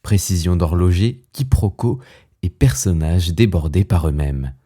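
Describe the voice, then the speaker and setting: A man hosting a podcast, calmly presenting a scripted introduction. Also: deep voice, unhurried, breathy edge. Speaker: podcast host.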